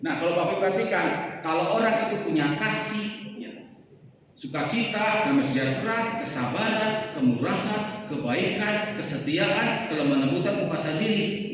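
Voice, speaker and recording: Earnest male pastor, fairly high voice, preaching in a big reverberant church, mic at a distance. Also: fairly bright tone, slight background noise. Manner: earnest, exhorting, often addresses the congregation directly. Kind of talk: sermon. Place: large church hall. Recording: echoey hall, voice from far off mic.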